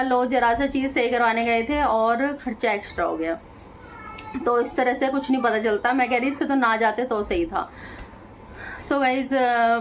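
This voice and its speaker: Woman family vlogger, casual homely chat, faint noise behind. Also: fairly high pitch. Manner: chatty, homely, addresses viewers as friends. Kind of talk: casual vlog update.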